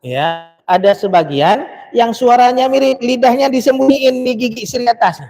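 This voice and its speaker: A man teaching Quran recitation at a dawn mosque lesson, chanting verses slowly and then explaining pronunciation briskly, repeating syllables as demonstrations. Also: very high voice, a little mellow, slight background noise. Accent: Indonesian. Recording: long mosque reverb.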